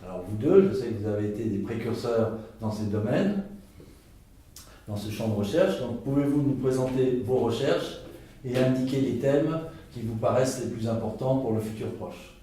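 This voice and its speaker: A man interviewing guests, asking formal questions in a measured way. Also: mid-range voice, dark tone. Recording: echoey room, distant mic, faint noise.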